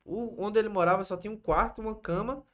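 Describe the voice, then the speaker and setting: A man's voice: high-pitched, fast talker. A young man with a Brazilian Portuguese accent, a podcast guest telling a long story in casual chat, rambling and tagging his phrases with little asides. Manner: rambling and lively, tags phrases with "né?" and "pô".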